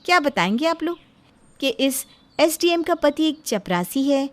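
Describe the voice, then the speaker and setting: A woman's voice: high-pitched, animated, measured pace, background noise, voice pushed up. A woman voicing a proud, ambitious young wife who has become an officer, speaking in a haughty and dismissive way. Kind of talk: Hindi storybook voice acting.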